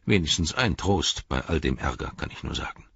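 A man's voice: very deep voice, lively intonation, brisk, gravelly, fairly bright tone, husky, no echo, exaggerated voice. A man voicing a chatty, anxious middle-aged innkeeper in a storybook reading, with a rambling, fussy manner. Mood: bewildered. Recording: dull lo-fi recording.

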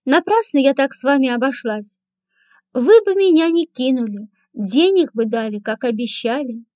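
A woman's voice: sits high, expressive, moderate pace, mellow, no echo. A woman voicing a sly, fawning young ex-servant who wheedles, giggles and sighs. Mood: wheedling. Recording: dull lo-fi, dry.

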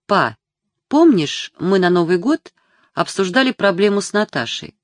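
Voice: mid-range voice, sing-song, normal speed, no echo, clean studio sound, close to an everyday voice. A reader voicing a grown daughter, anxious and tearful, pleading earnestly with her father in an audiobook. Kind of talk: audiobook character reading.

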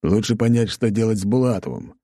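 A man's voice: on the low side, expressive, a little fast, warm tone, dry recording, clean studio sound, pitched above the performer's own voice. A male narrator voicing an impatient, commanding emperor in an audiobook.

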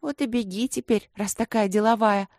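A woman voicing a sharp-tongued, mocking teenage schoolgirl who taunts in a sing-song way in a storybook reading. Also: medium pitch, moderate pace, no room sound, clean studio sound, pitched above the performer's own voice, close to an everyday voice.

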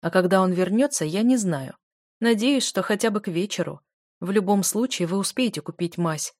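A woman's voice: mid-range voice, lively intonation, moderate pace, a little mellow, no room sound, clean studio sound, natural voice. A woman reading as a wry middle-aged man. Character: dry, ironic 49-year-old man, worldly.

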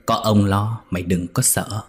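A man's voice: on the low side, fairly even intonation, normal speed, close to an everyday voice. A man voicing an older lecherous master who talks in a sly, gloating, threatening way. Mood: leering.

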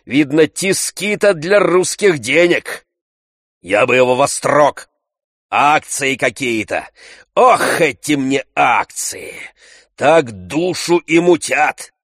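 Audiobook figure: man doing a high, bellowing bully, dry studio sound. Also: lively intonation, slow pace, no room sound, exaggerated voice. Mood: scoffing. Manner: loud, shouting, demanding. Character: coarse blustering middle-aged male freeloader.

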